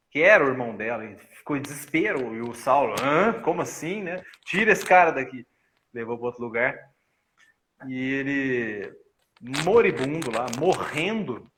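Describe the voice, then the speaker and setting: A Brazilian man retelling religious stories in a relaxed study-group talk, his bright voice leaping up and down in pitch as he acts out the people he quotes. He laughs often as he goes along. A faint hiss of noise sits behind him. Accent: Brazilian Portuguese. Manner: animated storyteller who acts out quoted lines with laughs. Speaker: spiritist study group presenter.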